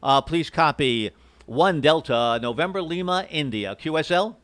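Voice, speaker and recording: A man's voice: on the high side, lively intonation, unhurried, fairly bright tone, dry recording. A courteous, hesitant man operating an amateur radio station, spelling out call signs in phonetics.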